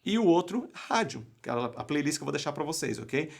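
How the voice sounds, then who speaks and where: A man's voice: a little high, big pitch swings, a little fast, gravelly. A young Brazilian man, an English teacher and coach, giving a live online class in an emphatic way and often asking his viewers rhetorical questions.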